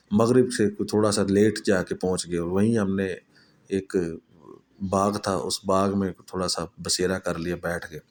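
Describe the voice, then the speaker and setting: Male storyteller, low-pitched, conversational first-person horror narration. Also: a little mellow.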